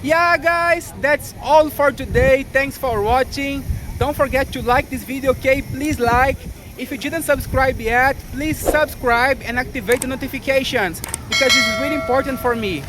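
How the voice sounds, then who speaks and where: A Brazilian man with a Brazilian Portuguese accent speaks to his viewers in an extremely high-pitched voice at a moderate pace while walking down a city street. He's a chatty travel vlogger addressing the audience directly. The outdoor recording is rough, with music in the background.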